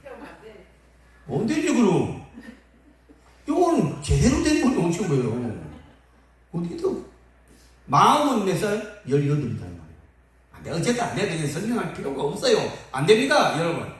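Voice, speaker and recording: A man preaching with a lively, rising and falling voice that swings up and down as he acts out funny stories. He is heard from a distance, and the church rings with a strong echo around him. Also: high voice, normal speed, pauses often. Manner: lively, humorous storytelling with acted-out quotes. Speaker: pastor. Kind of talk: sermon. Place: church sanctuary. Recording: echoey hall from far off.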